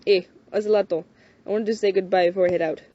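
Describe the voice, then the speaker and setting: A woman voicing a blunt, gruff young wanderer who talks in curt, clipped lines and swears in an amateur audio drama. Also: mid-range voice, steady tone, fast talker, dark tone, natural voice. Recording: dull lo-fi home recording.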